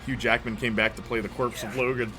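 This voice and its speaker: A man's voice: mid-range voice, steady tone, fast talker, bright, forceful tone, faint music behind. A man streaming a game, chatting casually with viewers and joking around. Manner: joking, chatty, laughs often. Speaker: gaming streamer. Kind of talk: casual chat while playing a game. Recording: noisy background hiss.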